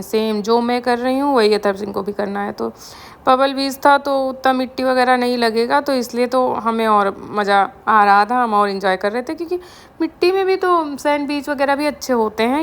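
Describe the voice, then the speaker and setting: A woman from India narrating her family vlog in a chatty, storytelling voice-over, mixing English words into her talk. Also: on the high side. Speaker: family vlogger.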